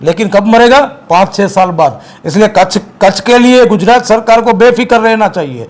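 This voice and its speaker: In a heated interview, a man from Gujarat appearing as an activist guest repeats his accusations forcefully. His voice is high-pitched and his pace moderate.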